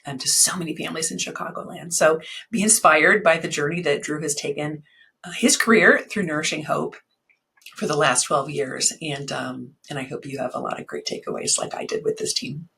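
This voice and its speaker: A woman's voice: low-pitched, expressive, brisk, gravelly, bright, forceful tone, husky. A woman hosting a podcast, talking with enthusiasm and frequent ums as she introduces and interviews a guest. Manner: enthusiastic, many ums and restarts. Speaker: podcast host and fundraising consultant.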